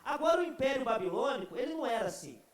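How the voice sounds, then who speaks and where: A young man preaching to a youth group, telling a story in an animated, comic way. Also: very high-pitched, very fast. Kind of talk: storytelling sermon. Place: church. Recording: echoey church hall.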